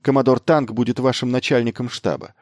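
A man reading an audiobook voices a young male mercenary lord who talks briskly, commanding and ironic. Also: mid-range voice, steady tone, darkish tone, no room sound, studio quality, natural voice. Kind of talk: audiobook character voice.

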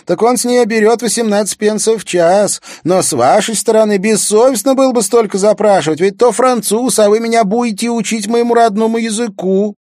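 A man's voice: high-pitched, a little fast, hardly any pauses, darkish tone, no echo, clean studio sound, voice pushed up, close to an everyday voice. A man voicing a brash young ragged girl haggling over the price of lessons, cheeky and defiant.

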